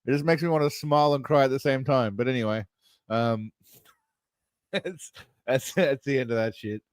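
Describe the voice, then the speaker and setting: A man's voice: medium pitch, normal speed, no echo. A tipsy man hosting a casual livestream quiz, rambling, swearing and reading answer options aloud. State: tipsy, self-described as wasted. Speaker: streamer running a quiz.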